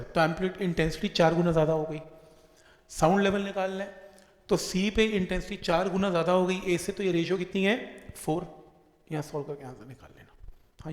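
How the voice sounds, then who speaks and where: A man's voice: on the high side, darkish tone. Echoey man teaching physics step by step. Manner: explains step by step, repeating key points. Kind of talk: exam-prep physics lesson. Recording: echoey room with long reverb.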